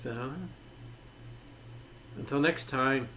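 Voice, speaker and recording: A man's voice: medium pitch, steady tone, very slow, pushed and bright, a little hiss or hum. Rambling man reviewing toys. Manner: rambling, lots of "like" fillers. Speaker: toy reviewer. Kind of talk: casual toy review.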